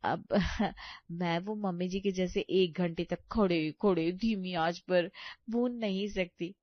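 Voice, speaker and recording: A woman's voice: on the low side, fairly even intonation, takes it slowly, dry recording. A woman voicing a careless, boastful young daughter-in-law who talks in a hasty, dismissive way, on a dull, lo-fi recording. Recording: dull lo-fi sound.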